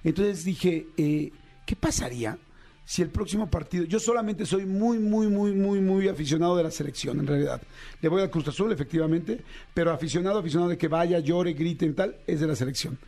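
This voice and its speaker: A man's voice: fairly high pitch, brisk, dark tone, faint music behind. A Mexican man hosting a podcast, talking in a passionate, rambling casual chat full of slang and repeated words. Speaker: podcast host.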